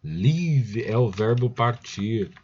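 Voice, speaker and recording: A man's voice: mid-range voice, expressive, takes it slowly, a little mellow, muffled recording, a little hiss or hum. A man with a Brazilian Portuguese accent teaching English, drilling each phrase by repeating it and often calling out to his students. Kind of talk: recorded language lesson.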